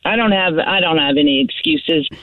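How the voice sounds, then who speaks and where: A woman comes through a thin, tinny phone line, chatty and easily amused, then flustered and sorry. Her pitch moves a lot as she talks. The sound is dry and narrow. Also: animated, normal speed, no room sound. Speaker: caller on a radio prank. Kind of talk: phone conversation. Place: at work.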